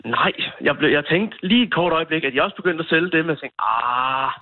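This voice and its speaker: A man's voice: on the high side, dry recording. Man telling a story over a tinny phone line. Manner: hesitant, many fillers and restarts. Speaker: caller. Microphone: telephone.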